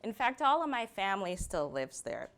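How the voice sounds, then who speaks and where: A young adult woman from Barbados with a Barbadian accent, giving a prepared personal talk and slowing down to stress key words. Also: mid-range voice, sing-song, fairly bright tone.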